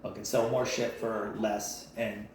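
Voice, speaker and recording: A man from the United States talking in a casual, rambling monologue full of fillers and restarts, with a gravelly voice. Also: on the low side, little pitch movement, a little slow, crowd noise. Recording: very echoey with faint noise.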